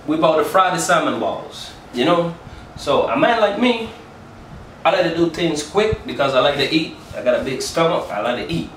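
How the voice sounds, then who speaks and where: A man with a somewhat high voice playfully chats through a home recipe, repeatedly saying "you check?" The camera mic sits at a distance in his small indoor kitchen, so the recording sounds roomy and far off, with slight background noise.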